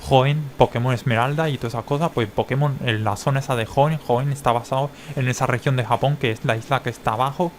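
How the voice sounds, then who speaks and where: A man's voice: mid-range voice, fairly even intonation, fast, hardly any pauses. Rambling Spanish man vlogging. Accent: Spain Spanish. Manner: rambling, tags many phrases with a questioning check. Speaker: language-learning vlogger. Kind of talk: casual rambling explanation.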